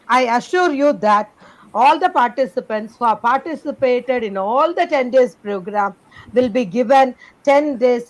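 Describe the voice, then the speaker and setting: A woman's voice: fairly high pitch, low-quality recording. A woman hosting an online program, reading a guest's bio and giving participants instructions. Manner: reads a prepared bio, then gives instructions. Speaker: program host introducing speaker. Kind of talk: formal introduction and announcements.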